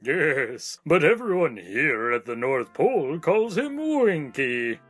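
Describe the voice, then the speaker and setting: A man's voice: fairly high pitch, big pitch swings, slow pace, fairly bright tone, soft background music, heavily acted. A man playing a kindly, absent-minded old Santa in an audio play, jolly and folksy in manner.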